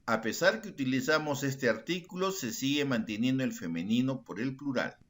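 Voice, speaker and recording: In this recorded grammar lesson, a male secondary school teacher speaks at a moderate pace in a mid-range voice with lively intonation. Addressing the students directly, he explains patiently, repeats important words, and keeps checking in using tag questions.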